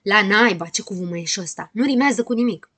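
A woman's voice: mid-range voice, fairly bright tone, breathy edge, no room sound. A woman voicing a bossy, fussy little girl who lectures impatiently. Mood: lecturing.

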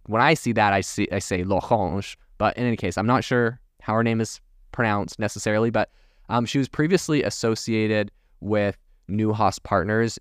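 Chatty low-voiced male podcast host. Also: clean tone, dry recording, studio quality. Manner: chatty, lots of fillers like "like" and "you know". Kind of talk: casual solo commentary.

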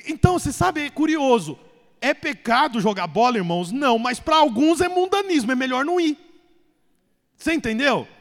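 A man's voice: extremely high pitch, expressive, moderate pace, fairly bright tone, long reverb tail. A man with a Brazilian Portuguese accent, preaching a sermon as a pastor, chatty and joking, then rising to emphatic preaching. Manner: conversational, joking storyteller who rises to emphatic preaching. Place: church.

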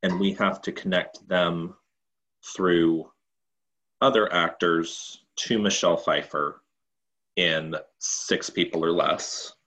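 Low-voiced male co-host, casual and chatty, explains rules plainly. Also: fairly even intonation, takes it slowly, fairly bright tone, poor audio. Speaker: podcast co-host. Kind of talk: casual chat.

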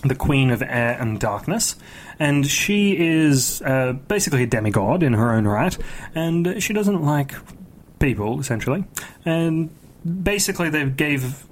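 A man's voice: a little high, expressive, unhurried. Man chatting casually, rambling and enthusiastic. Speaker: podcast co-host. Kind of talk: casual chat about a tabletop hobby.

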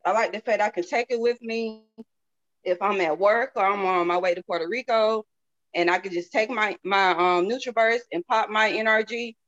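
A woman's voice: mid-range voice, normal speed, fairly bright tone. A woman from the southern United States with a Southern accent, chatting casually and candidly in a folksy way, repeating phrases for emphasis. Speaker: interview guest, product seller. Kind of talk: casual testimonial chat. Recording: dull lo-fi audio.

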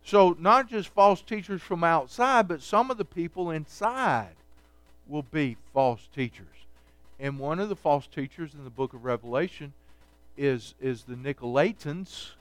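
A man's voice: fairly high pitch, animated, a little slow, no room sound. A man preaching a midweek Bible study sermon, reading scripture aloud and explaining it conversationally, often checking in with "okay" and "all right". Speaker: pastor.

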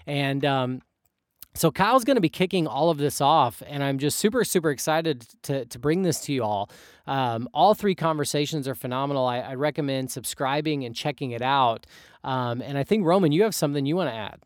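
A young man co-hosting a casual podcast, talking in a relaxed, rambling way with plenty of fillers and restarts. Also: medium pitch, brisk, no echo, studio quality. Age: young adult. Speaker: podcast co-host.

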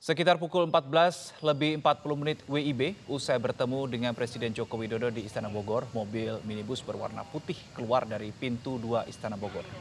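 Man news reporter, formal emphatic reading, long reverb, faint noise. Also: medium pitch. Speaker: field reporter.

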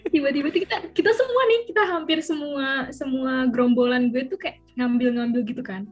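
A young woman from Riau chatting casually as a guest, telling lively stories and acting out what people said. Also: high-pitched, a little fast, soft background music. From Riau, Indonesia. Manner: lively, animated, acts out quotes. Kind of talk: casual storytelling chat.

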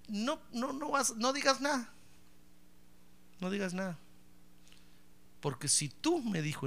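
A man's voice: sits high, pushed and bright. A middle-aged man, a pastor, preaching a sermon and acting out both sides of a story's dialogue, calling his listeners brother. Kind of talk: sermon with acted anecdote.

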